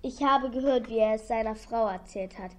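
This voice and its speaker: A woman's voice: a little high, normal speed, lightly acted. A woman voicing an old, weak male hunting dog in a children's audio play, speaking in a plaintive, complaining way. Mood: mournful.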